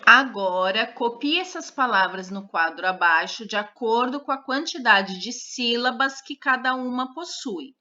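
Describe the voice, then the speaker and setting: A woman teaching a third-grade lesson, repeating each word and counting its syllables with slow care. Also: on the high side, expressive, sharp tone. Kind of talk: slow, careful classroom lesson. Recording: dull lo-fi recorded lesson.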